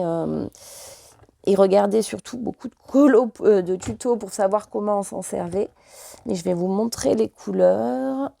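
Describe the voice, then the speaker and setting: Chatty French woman with a gravelly voice. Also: mid-range voice, warm tone, no room sound. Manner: chatty, hesitant with many fillers. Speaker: vlogger. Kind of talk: casual chat.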